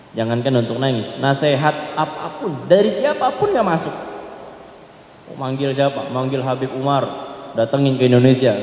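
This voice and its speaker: A man preaching a sermon, earnestly addressing his listeners directly. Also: on the high side. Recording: roomy hall with long reverb.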